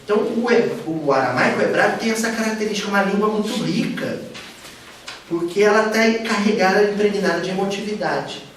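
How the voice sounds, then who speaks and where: A high-pitched man speaking fairly quickly gives an informal teaching talk to a study group in the study room of a spiritist center. Casual and animated, he asks his listeners questions often. The recording, made from far off in an echoey room, carries slight background noise.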